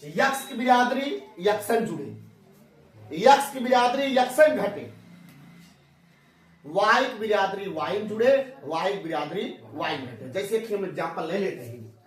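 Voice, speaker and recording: A man's voice: high voice, expressive, unhurried. A man teaching a math lesson to a class in a folksy manner. He asks questions and answers them himself. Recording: echoey room, mic far off.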